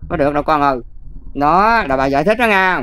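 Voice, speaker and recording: An older Buddhist nun with a Southern Vietnamese accent, talking casually and emphatically, often checking whether the listener follows. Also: female voice, deep voice, animated, fast, fairly bright tone, smooth. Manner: emphatic, keeps checking "see?". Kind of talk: casual advice talk.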